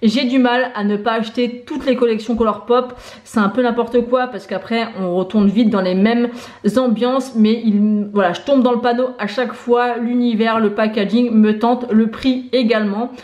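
A woman's voice: on the high side, steady tone, moderate pace, a little mellow, highs cut off. A woman beauty vlogger chatting casually through her makeup collection, listing items one by one with many fillers. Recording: echoey room with faint noise.

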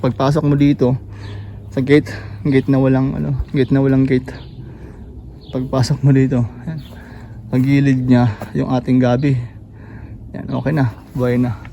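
A man with a gravelly, mellow voice strolls through his backyard garden, talking casually and pointing things out with plenty of fillers. He sounds a bit winded, and faint outdoor noise sits behind him. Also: medium pitch. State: slightly out of breath after jogging. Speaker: gardening vlogger.

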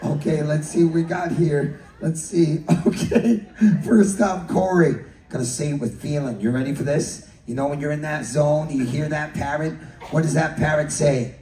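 A Scottish man, a cruise director, hosting a couples' game show for a live audience, teasing contestants, laughing and shouting punchlines. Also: a little high, fairly even intonation, moderate pace. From Scotland. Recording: echoey hall, distant mic, crowd noise.

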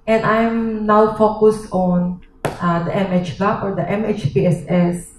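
A woman's voice: mid-range voice, steady tone, background noise. Filipino woman, workshop participant, handheld mic, echoey conference hall, heard from a distance. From Philippines. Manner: listing points with frequent pauses. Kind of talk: question and answer discussion. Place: hotel conference room. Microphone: handheld microphone through room speakers.

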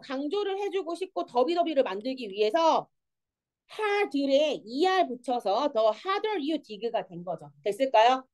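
Young woman teacher, high voice, very animated, grammar lesson, checks in with students often. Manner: lively, keeps checking understanding with students. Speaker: English teacher.

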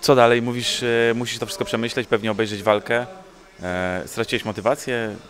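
A man's voice: mid-range voice, little pitch movement, fairly quick, soft background music. A male interviewer asking a boxer direct questions after a fight, with frequent filler sounds.

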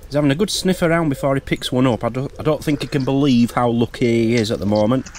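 A middle-aged man narrating a wildlife camera vlog outdoors in a wood, in a chatty, easily excited way. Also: medium pitch, fast talker, a little hiss or hum. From United Kingdom. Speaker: wildlife vlogger. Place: woodland outdoors.

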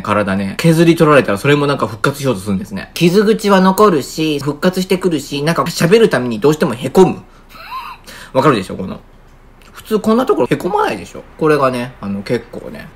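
A woman's voice: low-pitched, slightly rough. A woman vlogger chatting casually to camera, playful and laughing often as she talks.

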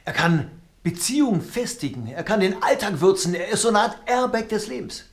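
This time his voice sits high and sounds expressive, moving a little fast. He's the same middle-aged comedian and cabaret artist, joking conversationally to camera from the small, echoey rooms of his home.

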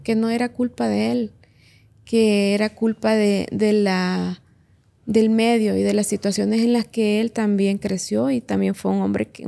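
Earnest woman with a gravelly, dark voice. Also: a little high. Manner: earnest, reflective, gives advice to listeners. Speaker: podcast guest, businesswoman and mother. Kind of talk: heartfelt personal testimony.

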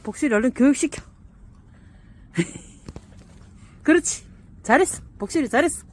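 Lady fussing at her dogs, chuckling a lot, slow, high-pitched. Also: expressive, a little mellow. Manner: playfully scolding, chuckling often. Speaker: dog owner filming her pets. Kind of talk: casual talk to dogs.

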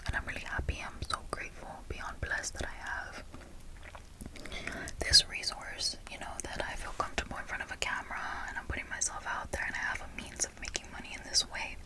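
A young woman with a Miami accent giving a whispered ASMR talk in a slow, deliberate way with repeated phrases, close to the microphone. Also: low-quality recording. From Miami, United States. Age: young adult. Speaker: ASMR video creator. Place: bedroom, indoors. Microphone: close fur-covered desk microphone.

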